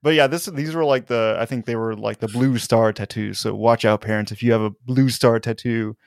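A man's voice: mid-range voice, steady tone, brisk, vocal fry, no echo, clean studio sound. A man co-hosting a casual podcast chat, reading facts aloud and laughing often. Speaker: podcast co-host.

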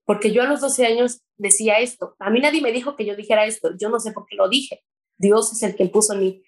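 A woman's voice: a little high, steady tone, fairly quick, a little mellow, low-quality recording. A woman with a Mexican accent, sharing her personal faith testimony in an earnest, emotional way with some hesitations. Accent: Mexican Spanish.

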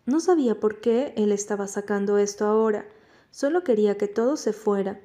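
A woman reading a novel aloud in first person as an audiobook narrator, at a steady, measured pace. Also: medium pitch.

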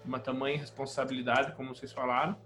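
A man's voice: mid-range voice, little pitch movement, fast, a bit bright. A man with a Brazilian accent giving colloquial, opinionated commentary in a casual sports discussion. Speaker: sports podcast panelist. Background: background music.

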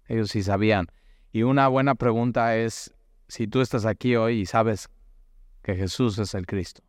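An emphatic male preacher delivering a sermon, repeating key phrases for weight and stumbling over the starts of words. His voice is smooth and resonant, at a middle pitch, recorded dry and close with no room sound. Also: moderate pace, no echo. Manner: repetitive, emphatic, restarts words.

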